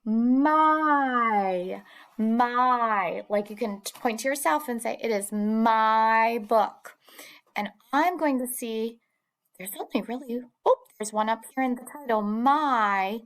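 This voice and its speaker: A woman teaching a phonics lesson to young children, sounding out words slowly and clearly. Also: a little high. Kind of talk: early-years phonics lesson.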